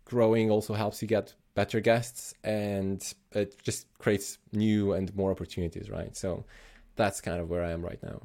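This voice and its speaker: Man from Slovenia, low mellow voice. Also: flat delivery, normal speed, few pauses. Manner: thoughtful, many restarts and self-corrections. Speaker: podcast host. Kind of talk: casual podcast chat.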